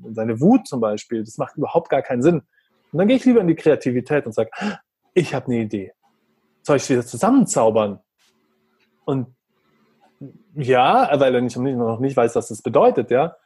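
This parent, a man with a dark, husky voice of medium pitch, speaks thoughtfully and earnestly about how he raises his young son. He acts out their back-and-forth in a conversational style, recorded without echo.

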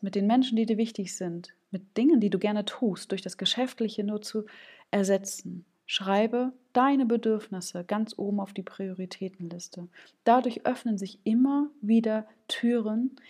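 A woman with a warm, mid-range voice hosts a solo podcast as a business coach. She addresses listeners casually, sprinkles in frequent "ja?" check-ins, and acts out small quoted voices representing gut and head.

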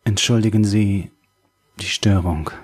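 A man's voice: on the low side, a little slow, faint music behind. A man reading an audiobook, voicing a worn-out female ex-detective who speaks bluntly and curtly. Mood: quiet. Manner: blunt, curt and cutting.

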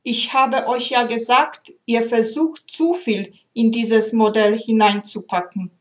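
A woman reading aloud, voicing a gentle, caring male angel who speaks softly and wonders aloud. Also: fairly high pitch, steady tone, a little slow, close to an everyday voice. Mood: wondering.

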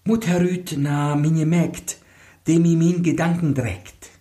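A man's voice: a little high, steady tone, takes it slowly, warm tone, voice pushed up. A man voicing an ugly, scheming young bride who scolds shrilly. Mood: haughty. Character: false bride, ugly young woman, scheming and short-tempered.

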